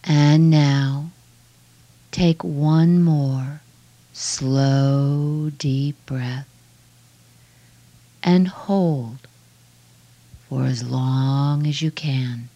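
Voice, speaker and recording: A woman guiding a relaxation meditation in a soft, hushed, soothing voice with measured phrases that trail off breathily. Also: rumbling low, steady tone, no room sound, dull audio. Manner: slow, measured phrases with long pauses. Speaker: relaxation guide.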